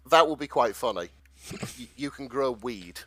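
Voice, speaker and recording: A podcast co-host presents a fan fiction story, summarising and reading it out in a casual, wry, informal way. His medium-pitched voice is animated, pushed and bright, at a moderate pace.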